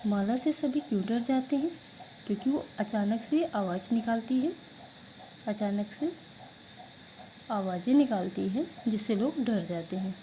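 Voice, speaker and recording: A woman teacher giving an online class lesson, who asks questions and answers them herself, drilling words slowly syllable by syllable. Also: a little high, animated, mellow, a little hiss or hum, low-quality recording.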